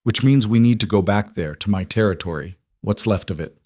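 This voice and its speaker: A man voicing a steady, fierce young woman who speaks firmly and directly in a spoken story. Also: fairly low pitch, brisk, no echo, clean studio sound, lightly acted. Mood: resolute. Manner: firm and direct.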